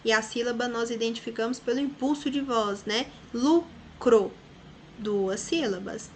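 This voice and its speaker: A woman's voice: a little high, normal speed, slight background noise. Patient Brazilian woman teacher. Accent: Brazilian Portuguese. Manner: patient explaining, frequent checking tag questions. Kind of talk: recorded online school lesson.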